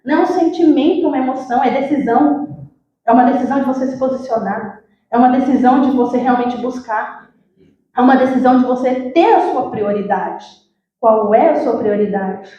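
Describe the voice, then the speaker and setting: High-voiced Brazilian woman preaching in echoey hall. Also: a little fast. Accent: Brazilian Portuguese. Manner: lively storytelling, acts out dialogue, addresses the congregation. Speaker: church worker preaching. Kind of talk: sermon with personal testimony. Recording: very echoey, dull lo-fi sound.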